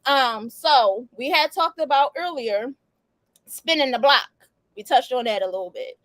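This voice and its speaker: A woman's voice: sits high, expressive, a little slow, fairly bright tone, no echo. A woman hosting a casual talk show, slangy and loose, laughing often. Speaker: podcast host. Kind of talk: casual chat.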